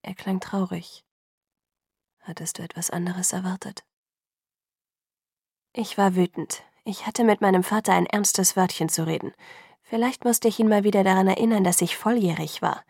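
A woman narrating a novel in a calm, even storytelling voice. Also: medium pitch, moderate pace, creaky, no echo, studio quality. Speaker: audiobook narrator. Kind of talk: scripted narration.

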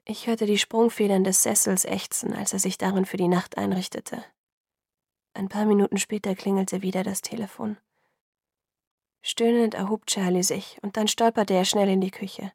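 A woman reads a first-person novel aloud in a steady, even voice. Her tone carries a gravelly, creaky grain. The recording is close and dry, with no room sound. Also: mid-range voice, normal speed, no room sound. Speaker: audiobook reader.

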